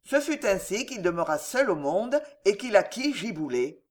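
An audiobook narrator reads a classic novel in a measured storytelling manner. The voice sits at a middle pitch. The intonation moves widely and stays expressive.

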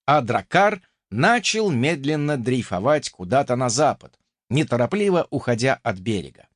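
A man reading a fantasy audiobook in the first person with expressive storytelling. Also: medium pitch, moderate pace, dry recording, studio quality. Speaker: audiobook narrator.

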